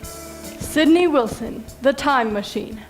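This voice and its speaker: A woman emceeing a speech competition showcase, reading introductions in a formal, measured way. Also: sits high, expressive, faint music behind. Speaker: event emcee. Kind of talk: scripted introductions.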